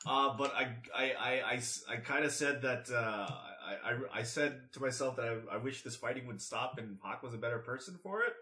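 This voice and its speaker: A man's voice: on the high side, little pitch movement, takes it slowly, few pauses, bright, forceful tone, pitched below the performer's own voice. A man voicing a sheepish, apologetic dragonborn with a hesitant, stammering mumble in a tabletop fantasy game. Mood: sheepish, guilty. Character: sheepish, apologetic dragonborn who miscast a spell.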